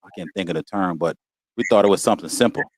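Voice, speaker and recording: An American man appears as a podcast guest and shares a personal story in an informal, heartfelt way, often dropping in "man" and "you know what I'm saying." His voice sits low, he talks fast, and the recording is dry.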